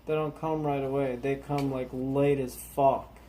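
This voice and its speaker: A man's voice: mid-range voice, little pitch movement, measured pace, mellow, slight background noise. A young man complaining and swearing as he talks over his gameplay. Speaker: gaming vlogger. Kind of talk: casual gameplay commentary. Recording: game music playing under the voice.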